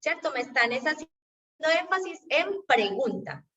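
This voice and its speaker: Patient Colombian teacher, distant call audio. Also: female voice, sits high, sing-song, moderate pace, fairly bright tone, dull audio. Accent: Colombian Spanish. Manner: patient, explanatory, checks understanding with "¿cierto?". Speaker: teacher leading an exam-prep class. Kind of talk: online class explanation.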